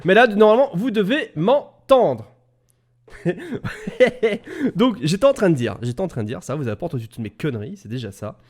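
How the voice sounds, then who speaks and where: Animated Belgian man casting esports live. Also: sits high, normal speed. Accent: Belgian French. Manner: chatty, joking, talks straight to the chat. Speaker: esports caster. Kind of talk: live game commentary. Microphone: XLR studio microphone.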